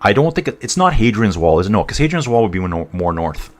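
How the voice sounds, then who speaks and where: Low-voiced man chatting through a cycling livestream. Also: big pitch swings, fast talker. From North East England. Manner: rambling, chatty, addresses viewers as dude and guys. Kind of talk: casual live commentary and chat reading.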